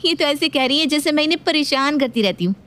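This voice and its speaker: A woman's voice: high-pitched, animated, fast, a bit bright, pitched above the performer's own voice. A woman voicing a touchy, defiant young daughter-in-law who argues back indignantly. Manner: indignant, argumentative.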